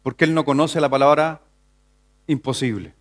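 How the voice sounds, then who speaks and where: A man from Chile, a pastor, preaching a Sunday sermon in church, asking the congregation questions and building to emphatic passages. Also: moderate pace. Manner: preaching with rhetorical questions, rising to an emphatic pitch. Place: church sanctuary.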